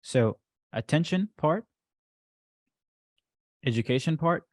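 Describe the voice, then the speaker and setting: In a casual workshop presentation with screen share, a business coach addresses a group, talking loosely with plenty of fillers and frequent "right?" checks. His voice is fairly high with lively intonation, and he speaks slowly. The sound is clean studio audio with no echo.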